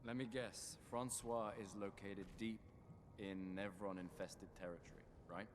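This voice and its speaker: A man's voice: fairly low pitch, normal speed, long reverb tail, background noise, natural voice. An actor playing a wary male adventurer in a video game, with a dry, understated delivery. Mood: dry, reluctant.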